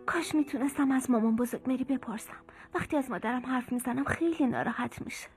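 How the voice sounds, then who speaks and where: A woman dubbing a kind young orphan girl in a film, talking gently and eagerly, softly hushed when sad, over faint music. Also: high voice. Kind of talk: dubbed film dialogue.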